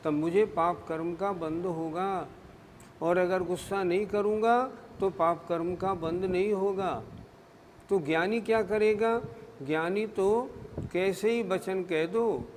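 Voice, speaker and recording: A male religious scholar explains scripture at a slow, deliberate pace, often posing a question and then answering it. His voice sits high. It rings in a long hall reverb over a faint background hum. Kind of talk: scriptural discourse.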